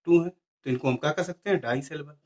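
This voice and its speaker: A man's voice: on the high side, brisk, mellow. A man teaching a grammar lesson. He asks his class questions, answers them himself and repeats the key words.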